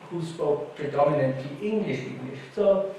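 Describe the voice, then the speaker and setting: Warm in tone and a little high, this man's voice keeps a moderate pace as he tells anecdotes in an easy, informal way. He's a German panelist, native in German, speaking at a conference talk. Sound comes from an echoing conference hall via a distant mic, with a faint noise floor.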